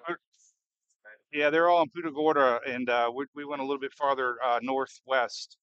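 A man giving casual, excitable live storm-chasing commentary, thinking aloud and firing off questions as he drives. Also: mid-range voice, moderate pace, smooth, no echo, lo-fi sound. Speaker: storm chaser and livestream host. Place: inside a moving car in a storm.

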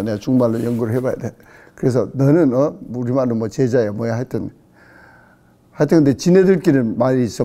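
A middle-aged male pastor giving a casual Bible-study sermon, acting out questions with sudden loud outbursts and dropping in English words. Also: mid-range voice.

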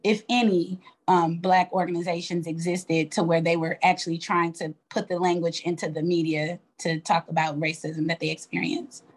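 Earnest young student woman, lower voice. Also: level tone, normal speed, few pauses. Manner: polite, earnest, hesitant with fillers. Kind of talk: asking a question on a video call. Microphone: video call.

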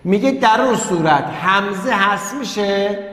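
A male teacher gives an online lesson in a slightly high voice. He repeats key words and keeps turning to address his pupils directly. The recording is roomy, with a long reverb trailing each phrase. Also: lively intonation, a bit bright. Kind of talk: online class lecture. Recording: echoey room with long reverb.

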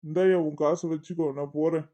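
A man's voice: a little high, fairly even intonation, fairly quick, warm tone, natural voice. A man voicing an exasperated bus conductor in a cartoon, grumbling and complaining. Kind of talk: cartoon voice acting.

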